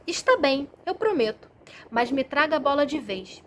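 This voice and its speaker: A bratty little storybook princess, put on by a woman reading aloud, with a high, bright voice that lifts even higher when she demands things. She sounds petulant and bossy, used to getting her way. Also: normal speed, a little hiss or hum. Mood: bossy, spoiled. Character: spoiled, whiny young princess girl.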